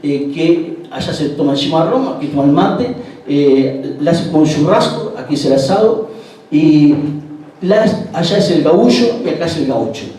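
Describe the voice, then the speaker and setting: In an event hall, a guest speaker at a tango event tells the audience anecdotes, stumbling over many hesitations while acting out quoted lines. His voice is mellow and expressive, on the high side, at a normal speed. The mic catches him from afar amid strong hall echo and faint background noise.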